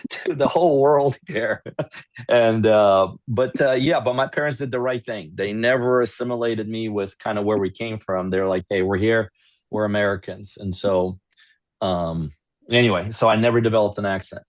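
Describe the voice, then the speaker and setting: A man's voice: on the low side, moderate pace, dry recording. A man from Russia with no accent, hosting a webinar over a video call in a rambling, self-deprecating way. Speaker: webinar host. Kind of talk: casual webinar chat.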